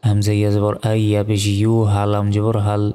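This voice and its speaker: A man gives a Quran reading lesson, spelling out each letter in an even, methodical way before he chants the verse slowly. His voice is low, smooth and resonant, with a flat, steady delivery. A long reverb trails every word, and soft music plays underneath. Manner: slow, methodical letter-by-letter spelling, then drawn-out melodic recitation. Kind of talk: spelling out and reciting Arabic lesson.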